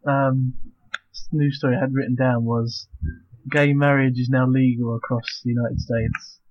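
Slow-talking joking man. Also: medium pitch, highs cut off, slight background noise. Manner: joking, swears often, laughs a lot. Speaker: podcast co-host. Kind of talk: casual chat.

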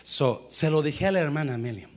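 A middle-aged man, a pastor, telling a story in a sermon with lively sound effects and English phrases mixed in. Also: fairly high pitch, quick pace.

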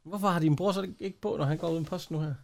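A man co-hosts a relaxed podcast, chatting about a TV show. His voice sits a little high for a man. He laughs often and hesitates with plenty of fillers. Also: vocal fry. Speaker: podcast co-host. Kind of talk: casual chat.

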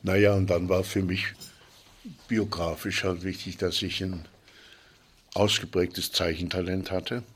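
Husky low-voiced older man reminiscing. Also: flat delivery. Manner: reflective, halting storyteller with pauses and restarts. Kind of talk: recounting childhood memories.

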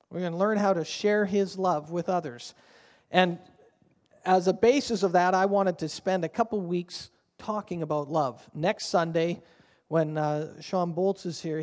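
The preacher here, a man with a slightly high and a little mellow voice, addresses his church from the pulpit microphone. His sermon is earnest yet conversational, and the sanctuary adds long church-hall reverb.

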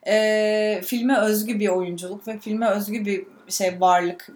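A woman's voice: mid-range voice, unhurried. Opinionated woman chatting about films. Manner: animated, opinionated, laughs easily. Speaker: podcast co-host. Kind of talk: casual film discussion.

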